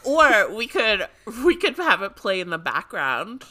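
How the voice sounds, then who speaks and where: A young woman co-hosting a podcast in casual chat, excitable and chatty, often giggling. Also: mid-range voice, a little slow. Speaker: podcast co-host.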